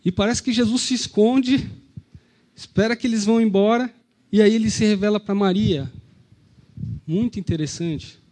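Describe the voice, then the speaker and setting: A man with a Brazilian Portuguese accent and a high, darkish voice preaches an Easter sermon at a moderate pace, pausing often. He retells the story and poses rhetorical questions to the congregation.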